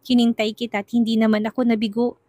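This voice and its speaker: A woman voicing a gentle, earnest young man who is in love, in a storybook reading. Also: a little high, little pitch movement, fast, no room sound, lightly acted. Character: tender lovesick young man. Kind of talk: storybook narration.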